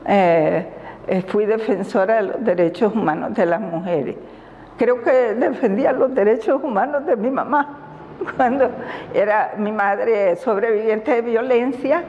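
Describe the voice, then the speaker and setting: Slow-spoken older Honduran woman. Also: a little high, darkish tone, in a large hall, muffled recording, a little hiss or hum. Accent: Honduran Spanish. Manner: slow, deliberate, reflective with frequent fillers and laughs. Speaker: women's rights defender. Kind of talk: interview answers. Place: indoors in front of a banner. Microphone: lapel mic.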